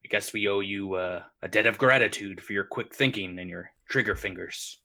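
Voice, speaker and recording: A man's voice: fairly low pitch, normal speed, gravelly, bright, forceful tone. A man doing a stern station sergeant. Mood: officious. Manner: stern, officious. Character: gruff adult male station security sergeant.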